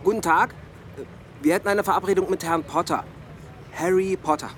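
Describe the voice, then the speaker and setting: A polite, formal visiting author, played by a man in a radio drama. His voice sits fairly high, with faint street noise behind him. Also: moderate pace, a bit bright.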